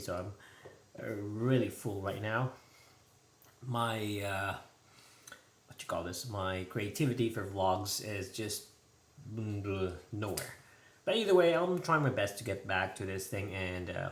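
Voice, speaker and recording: A man's voice: low voice, fairly bright tone. A man talking casually and hesitantly in an off-the-cuff vlog recorded indoors at home. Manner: hesitant, loose, off-the-cuff talk. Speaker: vlogger. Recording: echoey room, faint noise.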